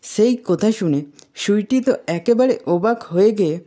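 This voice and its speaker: A woman's voice: medium pitch, animated, normal speed, dark tone. A woman narrating a retelling of a TV serial episode, steadily linking the quoted lines.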